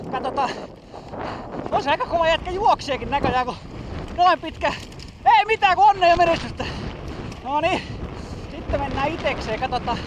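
A man giving a casual running commentary as he rides a mountain bike trail, with breathless exclamations, swearing and self-mocking remarks. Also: very high-pitched. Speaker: mountain biker filming his ride. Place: outdoor bike park trail. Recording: outdoor wind noise on camera mic.

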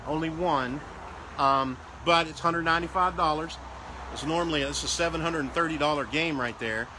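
A man's voice: fairly high pitch, normal speed, noisy background. A man casually walking through a sales showcase of party games, repeating prices and restarting phrases as he goes. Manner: walking around showing products. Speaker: salesman for a game rental company.

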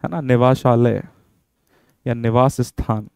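A man's voice: mid-range voice, steady tone, takes it slowly, creaky, darkish tone, clear, resonant tone, no room sound. A man with an Indian accent teaching English vocabulary in an online lesson, mixing English into Hindi and asking his students rhetorical questions. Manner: chatty and encouraging, mixes English words into Hindi, asks rhetorical questions.

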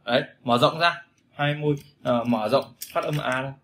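A man's voice: medium pitch, moderate pace, fairly bright tone, slight background noise. A man teaching English vowel sounds in a casual spoken lesson, repeating each sound again and again to demonstrate it.

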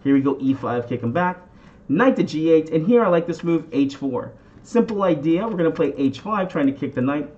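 A man with a slightly high voice talks viewers through chess moves like a teacher. He often turns to them with a question or a catchphrase. The recording is a bit dull and muffled. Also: darkish tone. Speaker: chess instructor and channel host. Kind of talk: instructional game commentary.

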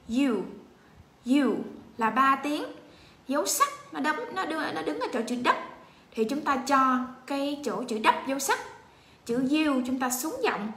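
A woman with a Vietnamese accent teaching English pronunciation on a livestream, repeating each letter slowly for her learners. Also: sits high, bright, forceful tone, reverberant. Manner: slow drilled letter-by-letter repetition.

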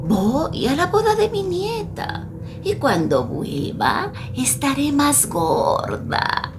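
A woman doing a squeaky pleading little granny. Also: very animated, takes it slowly, background noise, heavily acted. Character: frail, timid little old grandmother.

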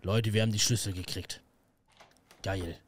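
A young man commentating a horror game live, excitable and slangy, greeting viewers. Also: fairly low pitch, normal speed, slight background noise. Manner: excitable, slangy, yelps at scares. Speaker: gaming streamer. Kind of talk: let's play commentary.

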